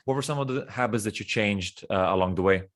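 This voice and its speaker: A man's voice: fairly low pitch, fast talker, fairly bright tone. A man from Croatia hosting a podcast, asking questions in a casual, friendly way with frequent ums and uhs. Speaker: podcast host. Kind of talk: casual interview conversation.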